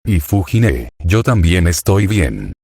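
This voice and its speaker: Narrator voicing a brave young man, gentle, reassuring, low and dry. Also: very animated, slow pace, creaky, breathy edge, dry recording, heavily acted. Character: calm brave young male hero.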